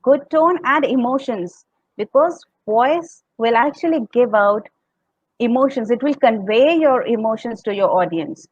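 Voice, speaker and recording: Indian woman speaking coach, higher voice, patient step-by-step explainer, dull dry recording. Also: expressive, a little slow, husky, no echo. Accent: Indian English. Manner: explains step by step, demonstrates tones and laughs often. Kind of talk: teaching talk on public speaking.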